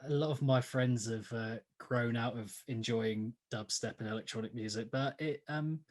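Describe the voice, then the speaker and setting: A man's voice: medium pitch, normal speed. Young man, mild London accent, casual podcast guest, rambling, swears often. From England. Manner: relaxed, rambling, swears freely, trails off softly. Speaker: podcast guest, music reviewer. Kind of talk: casual chat.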